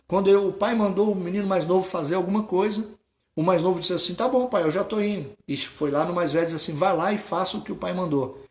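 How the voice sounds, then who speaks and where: Pastor guy, high voice, telling a story then preaching at the church, lots of echo. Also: fast talker, darkish tone. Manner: retells a parable, acting out the boys' lines, then exhorts the congregation. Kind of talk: sermon with storytelling.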